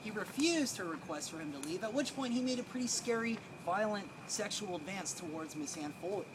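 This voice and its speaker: A man's voice: sits high, lively intonation, brisk. A man working as a ghost tour guide, telling stories theatrically to a live group in a colloquial, wry way. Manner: colloquial, wry, acts out dialogue. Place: outdoors on a city street. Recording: outdoor street noise with traffic.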